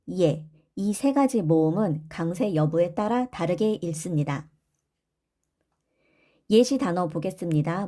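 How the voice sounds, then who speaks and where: A woman's voice: fairly low pitch, mellow. A woman teaching a pronunciation lesson, explaining rules and leading repeat-after-me drills of single sounds. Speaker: language teacher.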